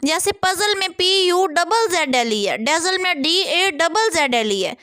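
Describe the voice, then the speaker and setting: High, bright woman teaching English. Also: sing-song, dry recording. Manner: reads rules slowly, then explains quickly. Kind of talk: explaining a lesson.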